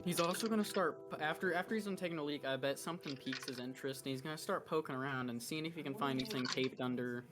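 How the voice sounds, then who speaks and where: A man's voice: fairly high pitch, fast, few pauses, over music. A man playing in a tabletop game, chatting and joking. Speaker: player.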